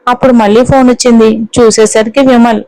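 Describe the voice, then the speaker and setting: Female storyteller, higher voice, flat steady delivery, dry close sound. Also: fairly quick, dry recording, rough recording. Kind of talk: scripted narration.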